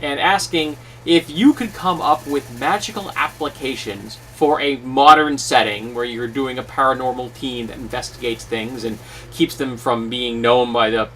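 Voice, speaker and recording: A man talking casually to camera as a YouTube host, recorded at home. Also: medium pitch. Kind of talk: casual talk to camera about tabletop role-playing. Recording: distant mic, steady fan noise. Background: whirring fan noise.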